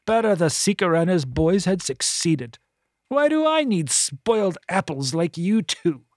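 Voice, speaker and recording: A narrator voicing a pompous, bitter middle-aged woman high priestess who talks in a haughty, drawn-out sneer. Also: sing-song, no echo, studio quality. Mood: scornful.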